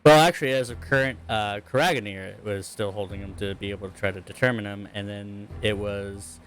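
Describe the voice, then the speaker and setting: A man's voice: on the low side, steady tone, fairly quick, slight background noise. A man running a tabletop game, recapping the last session in a rambling, self-correcting way. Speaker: game master.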